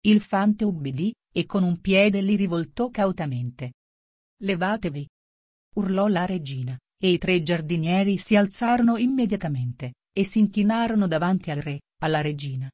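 Low-voiced woman reading a storybook. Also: darkish tone, dry recording, clean studio sound. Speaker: narrator.

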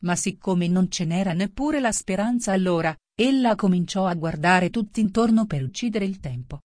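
A woman narrating a children's classic as an audiobook, reading in a measured, even way. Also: mid-range voice, no echo, studio quality. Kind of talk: scripted storybook narration.

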